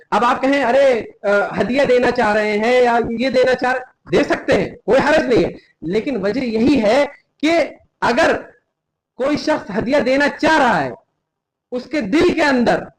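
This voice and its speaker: A young man preaches with fervor in a strikingly high voice. He scolds his listeners and breaks into quoted scripture in Arabic. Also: a little slow, poor audio. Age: young adult. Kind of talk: sermon.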